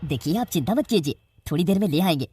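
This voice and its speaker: A woman's voice: lowish voice, lively intonation, fast, mellow, slightly rough, dry recording, studio quality. A woman voicing a hospital doctor who reassures a worried mother. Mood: reassuring.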